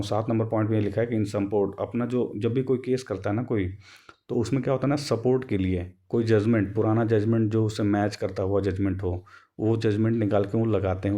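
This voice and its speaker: A YouTube host walks through a document on a court case update, speaking informally and haltingly and often circling back to rephrase. His voice is fairly low, very mellow, and relaxed.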